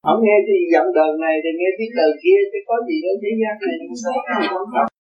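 A man's voice: sits high, expressive, fast talker, dull audio. Earnest man giving a dharma talk. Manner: earnest, repeating questions like "see?". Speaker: Buddhist teacher. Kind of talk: dharma talk answering a listener.

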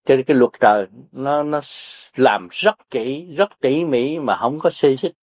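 The recording is dry, dull and lo-fi: an older man with a Southern Vietnamese accent speaks in an unhurried, medium-pitched voice. He offers listeners folksy spiritual teaching rooted in Buddhism, blunt, earthy and repetitive.

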